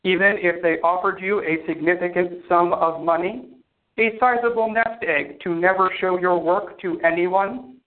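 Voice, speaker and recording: A man's voice: high voice, fairly even intonation, normal speed, lightly acted. A man voicing a cold, formal male artificial intelligence that speaks precisely and without emotion. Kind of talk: audio drama acting. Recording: tinny phone-like sound.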